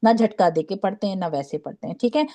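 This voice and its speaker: A woman teaching a Quran recitation class, patiently drilling syllables slowly and checking in with her students. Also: medium pitch, expressive, dark tone. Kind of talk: online class lesson.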